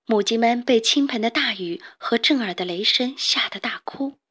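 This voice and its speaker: A woman with a fairly high voice narrates a children's storybook, gentle and expressive. She reads like a kindly aunt telling a story to little ones. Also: moderate pace, breathy edge.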